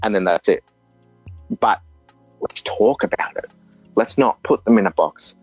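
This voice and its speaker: A man in his thirties with an Australian accent speaks in a lowish voice, offering an earnest personal testimony. His delivery is halting, and he often restarts his sentences. The recording is dull and dry, with no room sound and faint music underneath.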